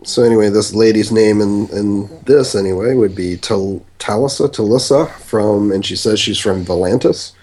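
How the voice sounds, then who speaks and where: A man's voice: fairly low pitch, moderate pace, hardly any pauses, dark tone. A male podcast host in casual discussion, hesitant, with many fillers.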